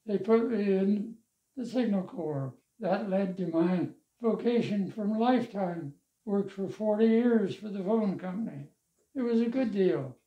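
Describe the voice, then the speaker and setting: A longtime church member, elderly and high-voiced, sits in his living-room armchair for a reminiscing interview, telling stories at an unhurried pace and chuckling along the way. Recorded at home on a lavalier mic, the sound is roomy and somewhat dull.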